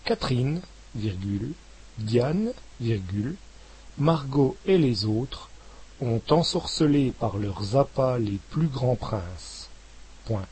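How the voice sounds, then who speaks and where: Very slow, breathy man reading a dictation. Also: expressive, mellow, rough recording. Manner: measured, articulating each word, dropping lower on punctuation marks. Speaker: dictation reader. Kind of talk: slow dictation with spoken punctuation.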